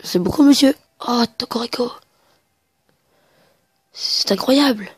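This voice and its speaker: A higher-pitched woman chats her way through a video game, stumbling over words and reading the characters' lines aloud. She sounds sniffly from a cold, and her headset mic gives a dry, close sound with no room around it. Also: slow pace, breathy edge, no echo. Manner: chatty, hesitant, reads in-game dialogue aloud. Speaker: let's play gamer. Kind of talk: casual game commentary.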